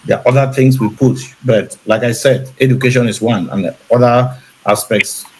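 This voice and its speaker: A man as a talk show guest, speaking haltingly with many restarts. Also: mid-range voice, poor audio.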